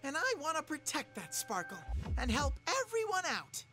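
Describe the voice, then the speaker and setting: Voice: high-pitched, huge pitch swings, normal speed. An actor voicing a cheerful, fretful bear mascot in a video game, bubbly and playful. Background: game music.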